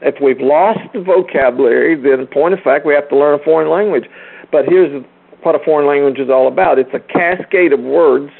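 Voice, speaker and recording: Speaking to a group he is teaching, a man gives an emphatic, rhetorical, sermon-like spiritual lecture, repeating phrases and speaking straight to his listeners. His fairly high voice is a little fast, gravelly and breathy-edged, with phone-quality sound.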